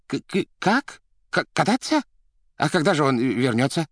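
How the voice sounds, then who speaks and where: A man voicing an excitable, fussy male theater administrator who stammers and speaks up eagerly. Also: mid-range voice, fast talker, husky, no room sound, studio quality, pitched above the performer's own voice. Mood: flustered. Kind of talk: audiobook character voice.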